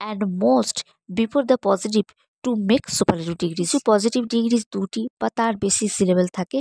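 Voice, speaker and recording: A woman teaching English grammar, slowly reciting rules and word lists. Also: medium pitch, creaky, a little mellow, dry recording, rough recording. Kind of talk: slow recited grammar lesson, English and Bengali.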